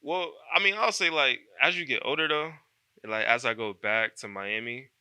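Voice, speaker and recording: A man in his twenties from Columbus, Ohio, a college football player answering questions in an easygoing, soft-spoken way with many fillers. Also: medium pitch, normal speed, smooth, no echo. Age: 20s. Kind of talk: casual interview chat.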